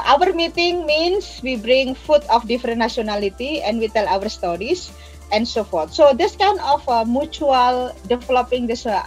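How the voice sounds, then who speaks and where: A woman's voice: a little high, poor audio. A woman, an organizer answering in an interview with passion, explaining emphatically and repeating phrases to drive points home. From Indonesia. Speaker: migrant workers' organizer and activist.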